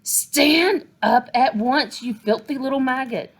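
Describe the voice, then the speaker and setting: A woman voicing a huge, cruel headmistress who barks scornful insults, with a gravelly edge. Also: medium pitch, normal speed, close to an everyday voice. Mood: raging. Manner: barking, scornful tirades. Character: huge bullying female headmistress, cruel and bellowing.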